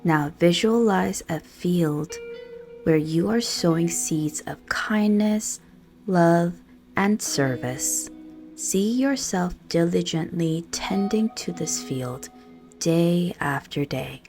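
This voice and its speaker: A low-voiced woman leads a prayerful meditation, speaking very slowly and soothingly with measured pauses, yet animated. Soft guitar music plays gently behind her.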